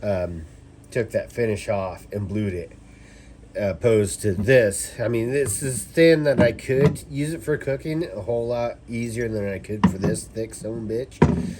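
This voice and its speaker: A man with a fairly low voice chats through a casual gear review. He sounds tipsy, wandering loosely through his points and cursing easily. There is some background noise and clicking on the recording. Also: fairly even intonation, a little slow. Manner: tipsy, loose and rambling, as if drinking; casually profane. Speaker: knife reviewer. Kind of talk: casual rambling product review chat.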